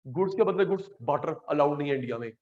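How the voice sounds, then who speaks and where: Teaching an online class, a man with an Indian accent speaks Hindi sprinkled with English terms, animated and teasing. His pitch is fairly high and his delivery rapid-fire, with the highs cut off.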